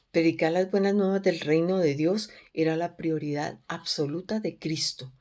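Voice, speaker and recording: A woman teaching a Bible study in an earnest, measured way, often posing questions to her listeners. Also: sits low, darkish tone.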